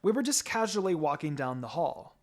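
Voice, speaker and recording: Reading fan fiction aloud as a dramatic first-person story, a man speaks fairly quickly in a fairly high voice with big pitch swings. Background music plays behind his voice.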